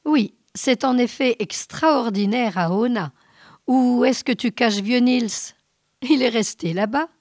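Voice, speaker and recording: A woman voicing a gruff, quick-tempered male ship captain who talks insistently. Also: fairly high pitch, darkish tone, dry recording, clean studio sound, pitched above the performer's own voice, close to an everyday voice. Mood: hearty. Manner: insistent, exasperated.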